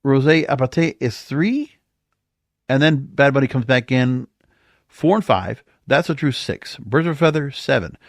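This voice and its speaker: Expressive and unhurried, a man with a medium-pitched voice hosts a podcast recorded at studio quality with no room sound. He offers casual chart commentary on music, reading figures aloud and pondering them as he goes.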